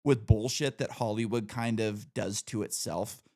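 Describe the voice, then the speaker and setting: A man's voice: on the low side, fairly even intonation, unhurried, darkish tone. A man in his thirties hosting a casual podcast conversation, chatty and opinionated, leaning on "like" and "you know". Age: 30s. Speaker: podcast host.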